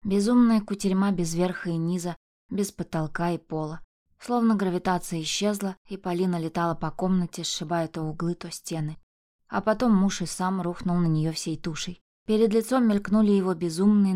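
A woman's voice: lowish voice, warm tone. A woman narrating a novel as an audiobook in a tense, dramatic reading.

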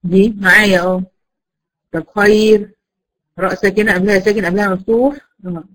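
A woman's voice: mid-range voice, steady tone, brisk, a bit bright, low-quality recording. A woman with an Egyptian accent teaching Quran recitation rules in an online class, explaining step by step and often checking that her students follow. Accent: Egyptian Arabic.

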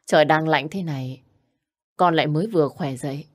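Woman reading a soft-spoken caring father, low voice. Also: brisk. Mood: gentle. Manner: soft, gentle. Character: gentle caring father, older man.

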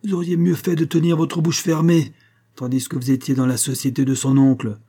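A man's voice: mid-range voice, little pitch movement, brisk, pitched above the performer's own voice, lightly acted. A man bellowing as a furious old sea captain. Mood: threatening. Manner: shouting, bellowing threats.

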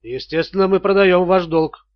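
A man voicing a male bank director with a low voice, calm, formal and detached, in a muffled audiobook recording. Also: moderate pace, no room sound, close to an everyday voice. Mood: cold.

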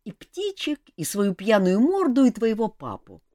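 A woman's voice: fairly high pitch, huge pitch swings, normal speed, mellow, dry recording, studio quality, voice pushed up. A woman voicing a glum, hungover young male elf prince who sighs and complains plaintively. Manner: plaintive, sighing.

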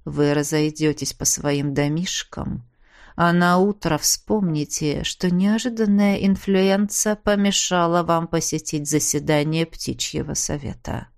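A woman voicing a menacing aristocratic male vampire prince who speaks slowly in a rustling, commanding tone. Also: fairly high pitch, fairly even intonation, creaky, voice pushed down. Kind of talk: audiobook character voice.

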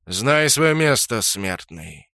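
A man voicing a calm, menacing male dark elf god who speaks slowly and coldly. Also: medium pitch, gravelly, dry recording, clean studio sound, heavily acted. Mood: cold, commanding. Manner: slow, cold and commanding.

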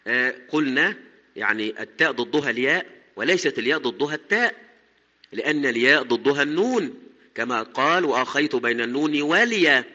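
A man teaching a lesson on Quran recitation, explaining each point step by step, repeating key terms and chanting quoted verses slowly. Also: medium pitch, expressive, sharp tone, long reverb tail, dull audio.

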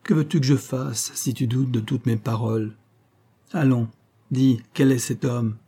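A man's voice: mid-range voice, steady tone, measured pace, dark tone, slightly rough. A man voicing an anguished young woman defending herself to her lover in an audiobook, in urgent, pleading sentences. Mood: defensive.

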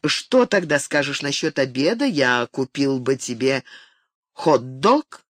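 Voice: medium pitch, expressive, slow, fairly bright tone, no echo, studio quality. An audiobook reader voicing an easygoing man who jokes and coaxes. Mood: coaxing. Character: easygoing joking man, friend.

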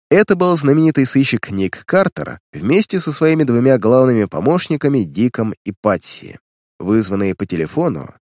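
A man's voice: fairly low pitch, a little mellow, no room sound, clean studio sound. A man reading a story aloud as an audiobook narrator, telling it expressively. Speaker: audiobook reader. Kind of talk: scripted narration.

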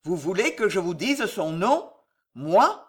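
A reader voicing an awkward, reticent old soldier in a storybook reading, speaking low and haltingly. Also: sing-song. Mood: reluctant.

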